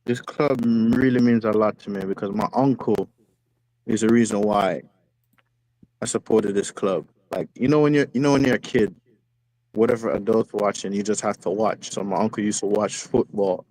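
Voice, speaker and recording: A man phones in over video call to a football fan stream, ranting casually but passionately and repeating phrases for emphasis. His fairly low voice is warm, moving at normal speed. The recording is rough.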